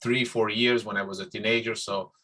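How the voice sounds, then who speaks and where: This Brazilian guest, a middle-aged musician, has a lowish voice and a level tone, and he moves at a brisk clip. His English carries a Brazilian accent from his native Portuguese, and he chats warmly in a casual interview, rambling and starting over many times.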